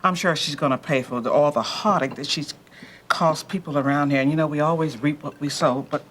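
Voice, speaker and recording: An actress playing a kindly, motherly hostess who talks in a gentle, moralizing way. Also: low-pitched, a little fast, slight background noise, lightly acted. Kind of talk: soap opera acting.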